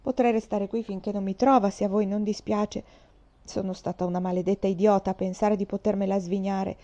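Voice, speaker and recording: A woman's voice: medium pitch, level tone, fairly quick, mellow, close to an everyday voice. A woman voicing a tough, boastful orphan girl of about twelve who talks in a brash, defiant way. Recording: slightly dull lo-fi recording.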